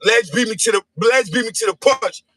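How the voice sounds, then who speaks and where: A man in a casual livestream chat, taunting in an animated, sing-song way. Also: high-pitched, brisk, no room sound. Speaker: podcast guest. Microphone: phone livestream.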